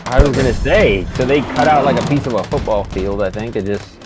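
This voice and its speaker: A man's voice: medium pitch, a little fast, over music. A man giving casual, slangy fight commentary alongside a co-host. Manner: colloquial, slangy.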